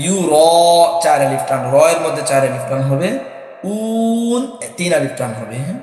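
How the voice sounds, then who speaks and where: A man with a high voice teaches recitation, stretching each chanted line slowly before explaining it. His voice rings through a strongly echoing hall with a long reverb tail. Soft music sits underneath. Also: sing-song. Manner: slow drawn-out chanting alternating with quick spoken explanation.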